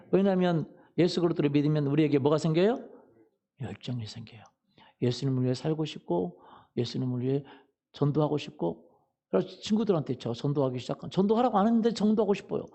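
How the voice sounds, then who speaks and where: Male pastor giving a sunday sermon, kinda high voice with a gravelly rasp, asks the crowd stuff and answers himself. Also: a little fast, dark tone, lo-fi sound. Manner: storytelling, asks the congregation questions and answers them himself. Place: church sanctuary.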